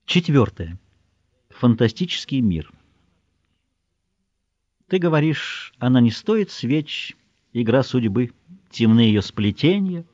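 Expressive male audiobook narrator, lively pitch. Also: no room sound, lo-fi sound. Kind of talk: scripted narration.

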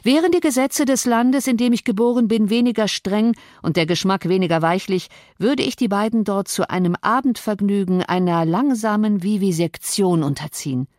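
A woman's voice: medium pitch, moderate pace, hardly any pauses, darkish tone, no echo, close to an everyday voice. A brooding, cruel landowner who taunts and commands with icy sarcasm, voiced by a woman reading an audiobook. His lines come across cold and threatening. The recording is dry and close, with no room sound. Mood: menacing.

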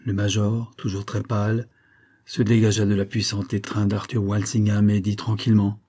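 A man narrating a classic novel as an audiobook, in a measured storytelling manner. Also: fairly low pitch, completely flat delivery, dark tone. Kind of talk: scripted narration.

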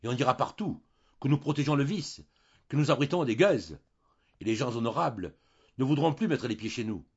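Male reader as an angry proud husband, loud and exasperated, husky, muffled sound. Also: fairly low pitch, big pitch swings, fast, few pauses, full character voice. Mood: furious. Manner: shouting, exasperated.

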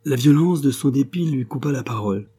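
A man narrating a classic novel as an audiobook in a measured, even way. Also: medium pitch, husky.

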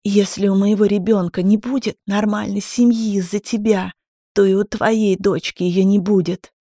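A woman's voice: fairly even intonation, moderate pace, mellow, dry recording, studio quality, close to an everyday voice. A woman voicing an unhinged, furious pregnant young woman who screams and mocks in an audiobook. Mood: menacing. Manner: shrill, screaming, mocking.

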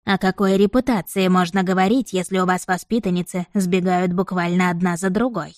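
A woman reading an audiobook and voicing a fat, condescending middle-aged merchant with a booming bass delivery. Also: fairly even intonation, fairly quick, no room sound, clean studio sound, natural voice. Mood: indignant. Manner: smug, indignant.

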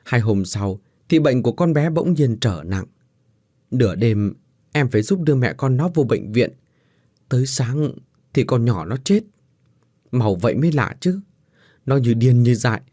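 A man's voice: medium pitch, lively intonation, measured pace, long pauses, warm tone, no room sound, clean studio sound. A man voicing a sympathetic middle-aged landlady recounting sad news in a sighing, matter-of-fact way.

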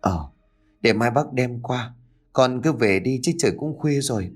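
A man voicing a kindly older neighbor woman, gentle and concerned. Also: mid-range voice, unhurried, lightly acted.

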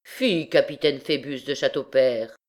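A woman's voice: rumbling low, unhurried. A woman voicing a cocky young male student who talks in a teasing, haughty way.

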